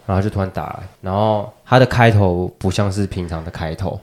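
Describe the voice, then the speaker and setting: A man's voice: low-pitched, a little fast. A man co-hosting a casual podcast chat, telling a story and acting out the quoted phone talk, with a Taiwanese Mandarin accent. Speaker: podcast co-host.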